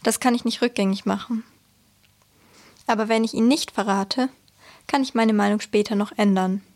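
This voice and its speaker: A woman reading a first-person memoir aloud in a measured, earnest way. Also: medium pitch, steady tone, darkish tone. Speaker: reader.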